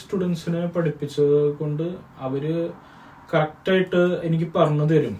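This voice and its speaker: A young Malayali man as co-host in a casual question-and-answer chat, explaining his views in a calm, lecturing way. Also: a little high, normal speed, reverberant, highs cut off, a crowd in the background. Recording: distant mic with faint noise.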